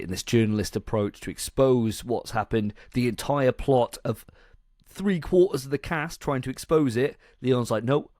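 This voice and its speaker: A man's voice: fairly low pitch, darkish tone, no echo, studio quality. A man hosting a casual movie review chat, blunt, sarcastic and sweary. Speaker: podcast host.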